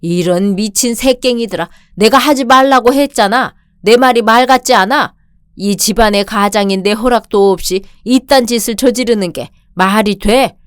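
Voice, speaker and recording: A woman's voice: on the high side, normal speed, clean tone, dry recording, clean studio sound, natural voice. A woman reading the part of a domineering older father-in-law in a radio drama, barking insults and orders. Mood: angry.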